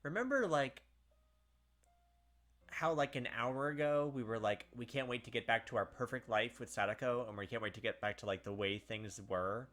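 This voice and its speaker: At a moderate pace and with a mid-range, slightly bright voice, a man narrates a let's play, reading the game's story aloud between casual commentary. He's chatty and leans heavily on filler words, often saying "like."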